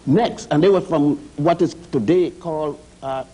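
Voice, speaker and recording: Man from Puerto Rico, TV guest historian, mellow, husky, emphatic lecture delivery. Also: on the high side, moderate pace, dull audio. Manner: emphatic lecturing, spells out words. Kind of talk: TV studio discussion. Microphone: studio mic.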